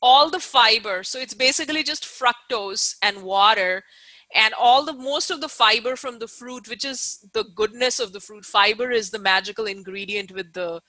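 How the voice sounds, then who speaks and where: A woman's voice: medium pitch, sharp tone, dry recording, poor audio. A woman teacher giving an informal live online lecture, explaining emphatically, repeating key points and often checking that listeners follow.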